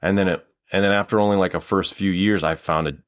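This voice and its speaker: Deep-voiced dude in his 30s rambling on a podcast, super dry close sound. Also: fairly even intonation, quick pace, dry recording. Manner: rambling, long-winded, casual swearing. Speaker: improviser and guest. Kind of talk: casual podcast chat.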